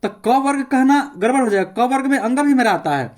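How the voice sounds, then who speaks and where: A male teacher gives a classroom grammar lesson. He says sounds one by one, slowly and with care, and keeps urging listeners to pay attention and try them aloud. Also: extremely high pitch, animated, a little mellow. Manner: repeats sounds slowly, enunciating each one as a demonstration.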